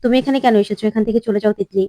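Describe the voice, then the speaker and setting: A woman's voice: a little high, rapid-fire, warm tone, close to an everyday voice. A woman voicing an angry, anguished young husband in a retold drama story, talking in a plain pleading or rejecting way. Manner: pleading, then sharply rejecting.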